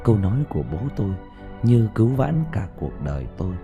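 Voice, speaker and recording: A man reading a first-person story aloud in a slow, emotive, mournful narration. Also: fairly low pitch, sing-song, dull audio. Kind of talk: dramatic audiobook narration. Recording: soft music bed behind.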